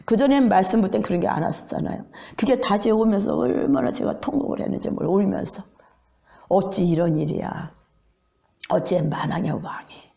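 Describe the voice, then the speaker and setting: Woman pastor, sermon, gravelly dark voice, rhetorical questions, whispered emphasis. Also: medium pitch, moderate pace. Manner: emotional preaching, frequent rhetorical questions to the congregation.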